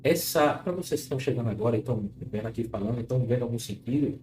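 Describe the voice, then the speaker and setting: Mellow-voiced Brazilian man in an echoey room. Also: mid-range voice, very fast. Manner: reassuring, instructive. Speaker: clinical therapist and hypnosis teacher leading a session. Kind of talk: informal live talk moving into guided relaxation. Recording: roomy echo with faint music.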